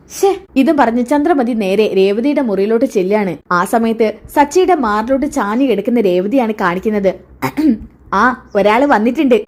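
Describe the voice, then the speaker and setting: A woman retelling a TV serial episode in a lively way, switching quickly between all the characters' lines. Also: on the high side. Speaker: serial recap narrator.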